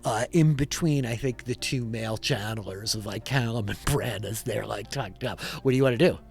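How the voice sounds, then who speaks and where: A man running a tabletop fantasy game as game master, narrating in a hushed, tense way with many fillers. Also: mid-range voice, moderate pace, vocal fry.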